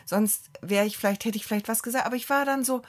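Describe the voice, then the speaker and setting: A woman co-hosting a casual podcast chat, telling an everyday grievance in an indignant, animated way with repeated words for emphasis. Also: fairly high pitch, fast talker. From Germany. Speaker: podcast co-host.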